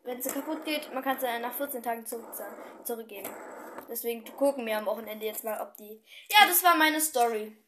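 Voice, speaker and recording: A teenage girl chatting casually and telling a rambling, animated story as a vlogger. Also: on the high side, fast, slight background noise.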